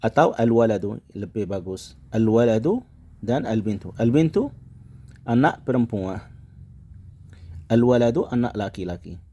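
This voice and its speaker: A man's voice: medium pitch, expressive, a little slow, pauses often, warm tone, husky. A man teaching a language lesson, patiently repeating words and explaining them to his viewers. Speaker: Arabic teacher.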